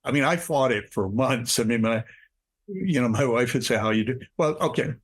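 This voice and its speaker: A man's voice: moderate pace, slightly rough, rough recording. An older man, a guest speaker and author, telling stories in an interview and acting out quoted lines with big jumps in his voice. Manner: animated storyteller, acts out quotes with big pitch jumps. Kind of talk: storytelling interview chat.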